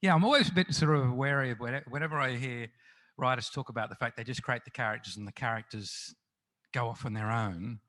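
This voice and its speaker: A man's voice: mid-range voice, a little fast, bright, forceful tone. Chatty middle-aged man telling stories. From Australia. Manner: chatty, self-deprecating, full of restarts and fillers. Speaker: crime novelist guest. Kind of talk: festival interview, anecdotal storytelling.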